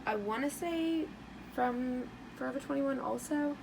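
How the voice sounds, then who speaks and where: A young American woman chatting casually in a vlog with bubbly sorority-girl energy, her voice hoarse as if she is losing it. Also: high voice, a little slow, noisy background. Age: young adult. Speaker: vlogger.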